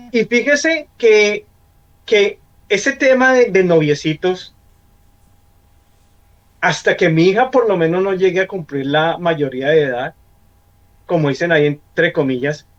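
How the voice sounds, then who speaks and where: A middle-aged man with a Colombian accent speaks earnestly in a church discussion. He often repeats a word before moving on. His voice sits fairly high, and the sound is dull and lo-fi. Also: takes it slowly, long pauses. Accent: Colombian Spanish. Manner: earnest, repeats words as he searches for them. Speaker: church member on a panel.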